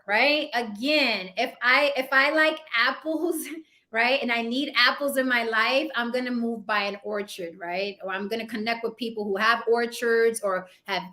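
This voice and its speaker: A woman with a fairly high, sharp-toned voice speaks casually and with lots of energy as an interviewed guest. She is an actress and YouTuber of Puerto Rican heritage who often repeats words for emphasis and tags on "right?".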